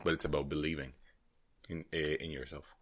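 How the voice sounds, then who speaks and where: A man co-hosting a podcast in casual chat, talkative, laughing often and chiming in with quick agreement. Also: extremely low pitch, flat delivery, fairly bright tone. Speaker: podcast co-host.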